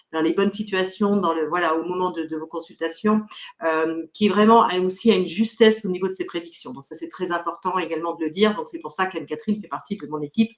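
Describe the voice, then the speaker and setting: A woman host and medium chatting casually in an interview, telling her own anecdotes. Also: fairly low pitch. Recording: echoey room.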